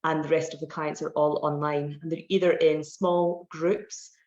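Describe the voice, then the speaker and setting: A Scottish woman in her forties, working as a personal fitness trainer, chats as an interview guest, her explanations long and filled with fillers. Her low voice is a little mellow, level in tone, at a moderate pace. Sound is roomy and dull, typical of an online call.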